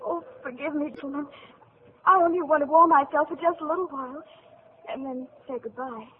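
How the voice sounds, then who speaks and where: A woman's voice: high voice, brisk, slight background noise, close to an everyday voice. An actress voicing a sweet, frail young girl in a vintage radio play, pleading and tearful. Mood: despairing. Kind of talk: 1940s radio acting. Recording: tinny old radio broadcast.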